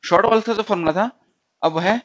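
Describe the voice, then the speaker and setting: Over dull audio, a male stenography teacher with a high-sitting voice and fairly bright tone gives a lesson. He explains slowly, says words and repeats sounds and words for drilling, frequently checking "okay?"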